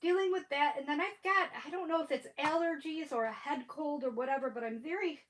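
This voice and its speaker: Her voice sits high and a bit bright, and she talks fairly quickly. She's at home running a casual crafting livestream, rambling and chatting despite a sniffly, stuffy head cold, and she laughs a lot.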